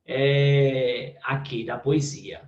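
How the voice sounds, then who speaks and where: A man's voice: mid-range voice, fairly even intonation, drawn-out words, darkish tone. A Brazilian man teaching a recorded online class, explaining step by step and often checking in with the students. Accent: Brazilian Portuguese. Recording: roomy, distant, dull lo-fi audio.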